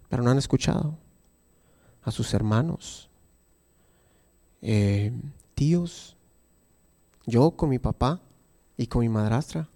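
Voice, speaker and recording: A man's voice: mid-range voice, warm tone. A man preaching a conversational sermon, acting out voices of Bible figures and joking about himself. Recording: hall reverb.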